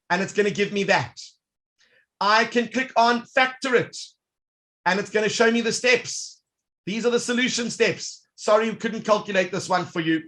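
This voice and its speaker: Presenting software in a live online session, a man with a high-sitting voice keeps things upbeat and showy, talking directly to those watching.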